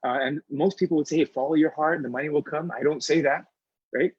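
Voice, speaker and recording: Husky-voiced man telling a story. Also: fairly high pitch, fast, no echo. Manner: conversational, earnest, with frequent fillers. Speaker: guest speaker. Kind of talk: storytelling workshop talk. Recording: slightly dull, dry recording.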